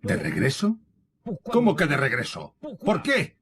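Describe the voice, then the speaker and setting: A man's voice: on the high side, huge pitch swings, measured pace, crowd noise, full character voice. An actor playing an imperious, impatient French emperor commanding his officers in a dubbed historical drama. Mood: indignant, demanding. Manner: demanding, indignant, commanding.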